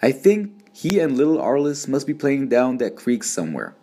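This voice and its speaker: A man's voice: mid-range voice, big pitch swings, moderate pace, mellow, slightly rough, voice pushed up. A man reading an audiobook, voicing a worried, firm frontier mother in a raised voice. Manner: urgent, firm.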